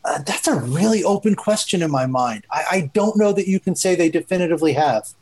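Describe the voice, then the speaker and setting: A man, a journalist, speaking thoughtfully on a panel discussion, often pausing with asides. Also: a little high, expressive, a little mellow, low-quality recording. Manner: reflective, hedging with asides. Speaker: journalist guest.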